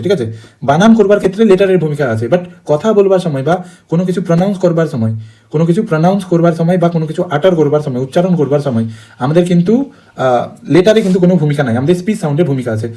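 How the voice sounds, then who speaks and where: Brisk, mellow-voiced male teacher. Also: on the high side. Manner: brisk, asks and answers his own questions; repeats key terms, checks in with "okay?". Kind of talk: online lesson.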